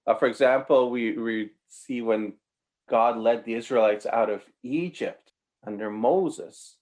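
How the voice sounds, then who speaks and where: A man delivering an apologetics sermon at an ordinary middle pitch. He argues with emphasis, jumping up in pitch on key words. His pace shifts between quick runs and slow, drawn-out phrases. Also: a little mellow. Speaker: preacher.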